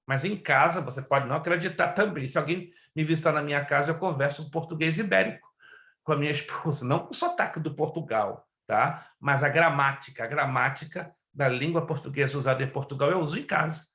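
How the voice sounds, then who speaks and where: A man with a fairly high voice lectures on Bible theology and keeps checking whether the class is following him. His voice rings with the echo of a hard-walled room. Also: brisk, sharp tone. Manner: explains, often checking in with the class. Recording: echoey room.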